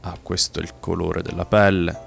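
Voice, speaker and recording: A man's voice: low-pitched, little pitch movement, moderate pace, gravelly, faint music behind. A man doing casual, joking let's-play commentary, rambling with restarts. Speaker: gaming youtuber.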